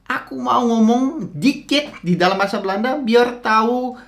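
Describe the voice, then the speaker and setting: A man's voice: very high-pitched, normal speed, vocal fry, fairly bright tone. A man from the Netherlands, explaining word origins in a casual, hesitant way with frequent filler sounds. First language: Dutch. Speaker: content creator explaining language history. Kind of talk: casual explainer talking to camera.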